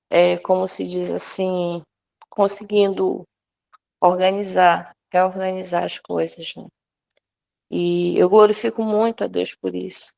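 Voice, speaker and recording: A woman's voice: lowish voice, creaky, a little mellow. A woman sharing a personal testimony with a prayer group, talking earnestly with many restarts and fillers.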